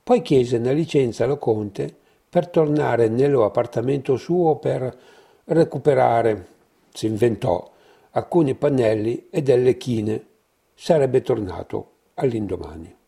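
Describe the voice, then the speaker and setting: A man narrating a story in deliberately old-fashioned language, reading slowly. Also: mid-range voice, lively intonation, vocal fry, dark tone, breathy edge. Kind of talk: storytelling in mock-archaic language.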